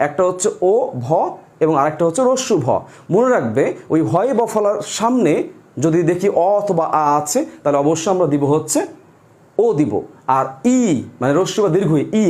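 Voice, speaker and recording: A man's voice: a little high, a little mellow. A man with a Bangladeshi Bengali accent teaching a pronunciation lesson, often asking his students questions and repeating the rule.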